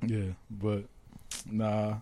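Brief: young male podcast co-host, mellow tone, loose slangy delivery, easy laughs. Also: on the low side, drawn-out words. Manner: relaxed slangy talk, laughs often. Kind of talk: casual chat.

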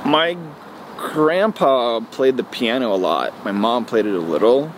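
A man's voice: medium pitch, lively intonation, a little slow. A man from Norway answering interview questions in a plain, matter-of-fact way with some hesitation. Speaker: music producer guest. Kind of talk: casual interview. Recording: noisy background.

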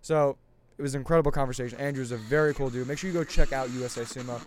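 A man hosting a podcast, talking in an energetic, rambling way, then chatting casually with his guest. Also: medium pitch, very fast, a little hiss or hum. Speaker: podcast host. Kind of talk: podcast intro and casual interview chat.

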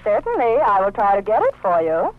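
An actress playing a polite, businesslike long-distance telephone operator, heard over a thin payphone line. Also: female voice, mid-range voice, huge pitch swings. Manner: brisk, formal, clipped. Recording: tinny phone line, distant.

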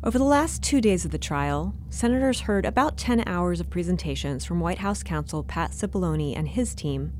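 A woman's voice: lowish voice, animated, normal speed, few pauses, a little mellow, a little hiss or hum. A woman reading scripted news narration as the presenter of a podcast. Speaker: podcast narrator, senior editor.

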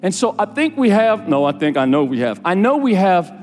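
A man preaching a sermon as pastor, animated, repeating phrases and asking the congregation to respond. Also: sits high, a little fast. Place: church sanctuary. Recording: long hall reverb with faint music.

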